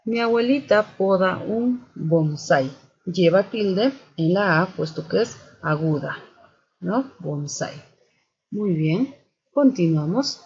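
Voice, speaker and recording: A male teacher gives a slow, methodical spelling and accent lesson, his high-sitting voice darkish in tone with lively intonation. He keeps repeating "continuamos" and "muy bien," and the lo-fi sound is dull.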